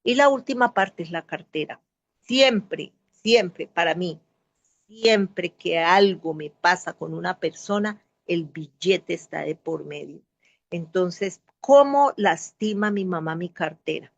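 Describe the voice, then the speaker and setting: A woman's voice: fairly low pitch, expressive, slow, creaky. A woman telling her own recovery story in an Alcoholics Anonymous-style talk. She speaks candidly and with feeling, and she acts out what other people said. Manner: candid, emotional, quoting others vividly. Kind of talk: personal testimony talk. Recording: slightly dull lo-fi sound.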